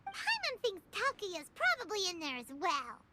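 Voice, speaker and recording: A tiny childlike female fairy companion in a video game. The voice is squeaky, extremely high and wildly animated, chirpy and inquisitive, over prominent music. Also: normal speed, very noisy, exaggerated voice. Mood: curious. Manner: refers to herself by name, inquisitive.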